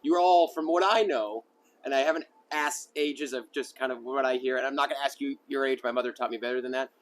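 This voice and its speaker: A man's voice: mid-range voice, steady tone, quick pace, slight background noise. A man, a local news reporter, asking questions in a casual, rambling way with many restarts. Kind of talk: sit-down news interview.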